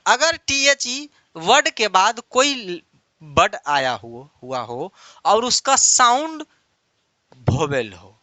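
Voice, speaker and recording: A male teacher gives an online English lesson at an unhurried pace, his bright voice rising and falling a lot. He explains patiently and goes back over each key phrase several times. The sound is dry and close, with no room echo. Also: sits high.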